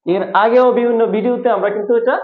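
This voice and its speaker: A man's voice: very high-pitched, fairly even intonation, quick pace. A man teaching English words in a classroom, quizzing students over and over in call-and-response. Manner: repetitive quizzing questions. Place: classroom at a board. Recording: echoey room, dull lo-fi sound.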